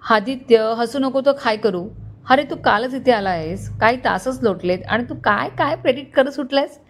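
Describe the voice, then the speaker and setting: A woman doing a calm, composed young man. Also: a little high, moderate pace, a little hiss or hum, natural voice. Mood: easygoing. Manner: easygoing, controlled.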